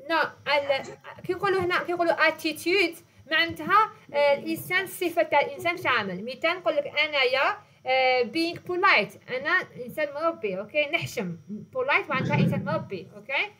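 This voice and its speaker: A woman's voice: high-pitched, quick pace, few pauses, bright, forceful tone. A woman with an Algerian Arabic accent teaching a class over a video call, patiently repeating and explaining.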